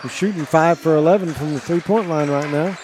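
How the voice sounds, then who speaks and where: A man's voice: on the high side, brisk. A man giving casual color commentary at a basketball game, chatty and openly rooting for the home side. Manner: chatty, opinionated, leans toward the home team. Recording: noisy gym broadcast.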